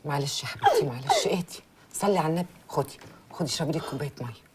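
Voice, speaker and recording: An actress playing a single female friend with an Egyptian accent, coaxing and calming a crying woman. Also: sits low, very fast, heavy background noise. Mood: soothing. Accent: Egyptian Arabic. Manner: coaxing, soothing.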